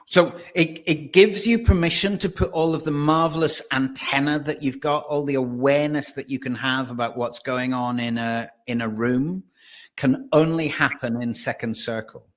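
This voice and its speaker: Explaining breathing and voice as a webinar guest, a man who coaches voice and presence speaks in a mid-range voice. He is animated, restarts often and slows his delivery to stress key points.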